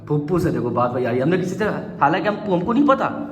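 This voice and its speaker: Male teacher, slightly high voice, patient coaxing classroom tone, echoey hall. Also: sing-song. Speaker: Quran reading teacher. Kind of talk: classroom Quran recitation lesson.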